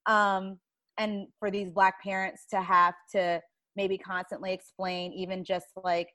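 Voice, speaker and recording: A woman's voice: mid-range voice, little pitch movement, unhurried, sharp tone, dry recording. A woman with a mid-range voice talks in a conversational discussion, recorded close and dry with very little room sound. She explains things informally and thoughtfully, as a guest professional would. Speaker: child life specialist, guest.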